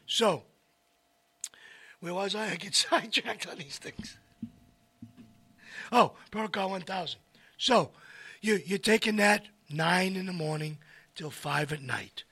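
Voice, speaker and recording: High, bright-voiced man rambling to folks. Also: a little slow, pauses often, slightly rough, no echo. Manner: rambling, addresses folks directly, animated asides. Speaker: host. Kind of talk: casual health talk to viewers.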